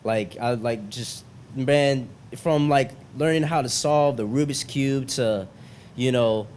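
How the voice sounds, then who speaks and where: A young man hosts a podcast in a loose frat-bro style, leaning on bro and man. His voice sits at an average pitch, and a clear low rumble runs behind his casual talk. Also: slow pace, a little mellow. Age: young adult. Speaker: podcast host.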